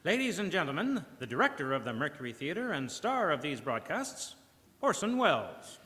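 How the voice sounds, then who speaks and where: A man's voice: a little high, very animated, normal speed, over music. A man playing a grand, formal network announcer in a live 1930s-style radio drama, with showy emphasis. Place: church, live performance. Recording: live recording in reverberant hall.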